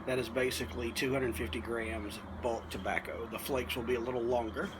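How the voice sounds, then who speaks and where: Behind clear background noise, a man talks through a casual review in a folksy, unhurried manner. His voice sits at an ordinary male pitch, and he pauses often as he explains things like a hobby reviewer on video. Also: steady tone. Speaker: pipe tobacco reviewer.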